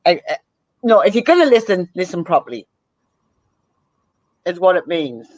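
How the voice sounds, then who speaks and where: A woman's voice: lowish voice, sing-song, normal speed, dry recording. A woman from England chatting casually with friends, blunt and teasing. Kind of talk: casual chat. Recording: dull, dry lo-fi audio.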